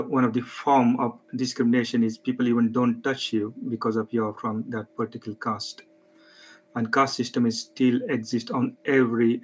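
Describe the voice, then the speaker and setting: A man from India, giving halting, earnest interview answers. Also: mid-range voice, poor audio. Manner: halting, earnest explaining with fillers. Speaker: charity guest.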